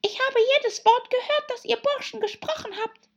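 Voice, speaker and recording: A woman voicing a sleepy little female dormouse in a weak, hoarse, half-whispered voice. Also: very high voice, moderate pace, fairly bright tone, highs cut off, voice pushed up. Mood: drowsy. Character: sleepy tiny female dormouse, faint and drowsy. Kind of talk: audiobook character voice.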